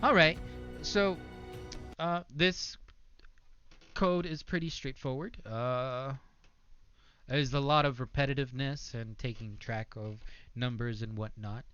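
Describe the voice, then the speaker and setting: A man reads a text adventure aloud with loud shouted character lines, then explains his code hesitantly with many fillers. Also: medium pitch, slow pace, pauses often, clear, resonant tone, no room sound, dull audio, faint music behind. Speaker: student presenting a coding project.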